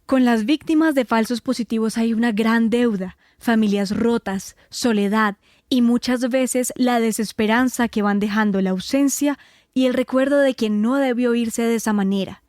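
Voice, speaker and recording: A woman delivers formal scripted narration at a measured pace. Her fairly high voice is recorded close and dry, with no room sound. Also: a little mellow, no room sound.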